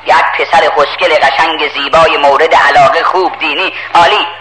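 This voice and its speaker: A man's voice: fairly high pitch, fairly even intonation. A man preaching a sermon, telling a story dramatically and emphatically. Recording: echoey hall with crowd.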